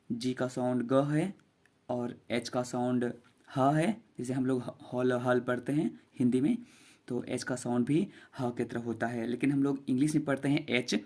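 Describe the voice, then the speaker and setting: A man's voice: medium pitch, dark tone. A man teaching a beginner English phonics lesson, patiently repeating each sound.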